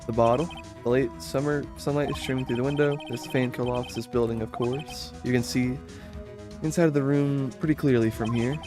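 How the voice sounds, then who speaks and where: An earnest male defense lawyer from a video game, voiced by a man. He muses aloud with some self-doubt in a medium-pitched voice over faint music. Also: steady tone, a little fast, natural voice. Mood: pondering, suspicious.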